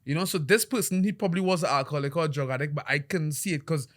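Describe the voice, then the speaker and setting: His voice a little high and racing, a young Trinidadian podcast host chats casually and tells stories with animation, often laughing and restarting his sentences.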